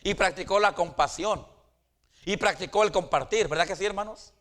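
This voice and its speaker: A middle-aged man preaching a sermon, often stammering into restarts and calling out to his congregation, his pitch swinging high and then dropping low. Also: moderate pace, fairly bright tone. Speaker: pastor.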